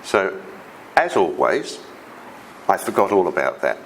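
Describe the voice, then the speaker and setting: In a conference hall, a big-voiced, middle-aged Australian man from South Australia tells personal stories, bringing them to life by acting out quoted voices. His voice sits low and his pace is measured. A little hiss or hum runs through the rough recording of this storytelling presentation.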